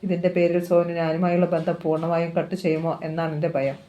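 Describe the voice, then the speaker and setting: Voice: mid-range voice, little pitch movement, quick pace, dark tone, muffled recording, natural voice. Narrator voicing an anxious young woman in love. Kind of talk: novel reading.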